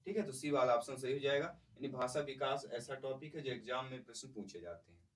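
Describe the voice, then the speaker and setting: A man's voice: medium pitch, fairly quick, distant mic, a little hiss or hum, rough recording. A male teacher giving an exam-prep lecture, explaining by repeating points and putting questions to the class.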